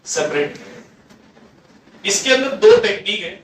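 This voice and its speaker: A man's voice: high voice, very animated, normal speed. Guy teaching class in hindi n english, keeps asking the kids stuff then answering it, echoey room, kinda far from the mic. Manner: asks the class questions and answers them himself; mixes Hindi with English terms. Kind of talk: classroom lecture.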